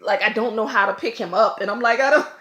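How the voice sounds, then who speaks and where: A woman, a mother and vlogger, telling a casual storytime at home with loud, animated acted-out quotes and screams. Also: fairly high pitch, quick pace, reverberant. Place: home, room with children around.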